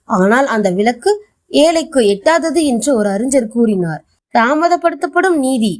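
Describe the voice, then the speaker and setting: A woman narrating a bedtime moral story in a steady, clear storytelling manner. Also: fairly high pitch.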